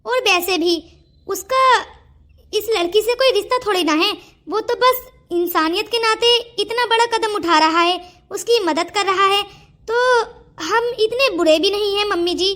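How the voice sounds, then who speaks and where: A woman voicing a polite young daughter-in-law gently persuading her mother-in-law in a cartoon. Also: extremely high pitch, normal speed. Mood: coaxing. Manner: sweetly persuasive. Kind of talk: cartoon voice acting.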